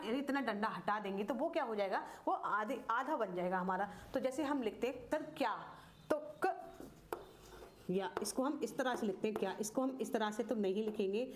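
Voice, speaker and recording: A woman teaching Hindi writing, slowly repeating each word and quizzing the viewer with questions. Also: a little high. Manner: slow, repeats words and asks questions to the viewer. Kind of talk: classroom-style grammar lesson.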